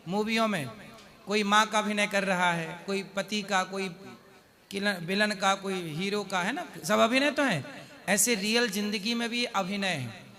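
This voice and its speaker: Bright high-voiced male guru in a hall. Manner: counsels with questions, quotes couplets slowly. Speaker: spiritual guru giving advice on stage. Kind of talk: devotional advice to a couple. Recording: long hall reverb.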